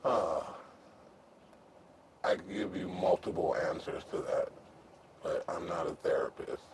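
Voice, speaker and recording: A man in his thirties, an anonymous interviewee whose voice is altered and pitched down to disguise him, speaking candidly and haltingly with fillers and restarts. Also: fairly even intonation, heavy background noise. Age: 30s.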